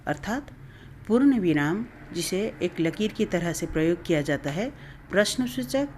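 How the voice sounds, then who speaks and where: A woman's voice: on the low side, expressive, a little slow, darkish tone, slight background noise. Woman teaching a grammar lesson. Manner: explains step by step, repeats and self-corrects.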